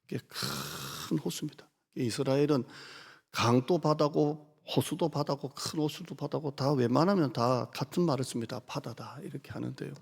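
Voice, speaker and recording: A man's voice: mid-range voice, normal speed, gravelly, husky. A middle-aged male pastor preaching a sermon in a conversational way, asking the congregation questions and acting out what people say. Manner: conversational, asks the congregation questions and acts out quoted speech. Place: church sanctuary. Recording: church hall with long reverb.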